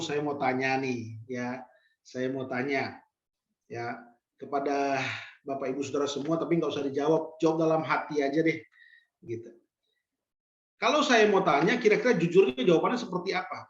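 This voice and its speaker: A male pastor delivers a sermon, pressing the congregation with direct questions and slowly repeating his main lines. His voice carries through a roomy space with some echo. The recording sounds a little dull and lo-fi. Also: high voice.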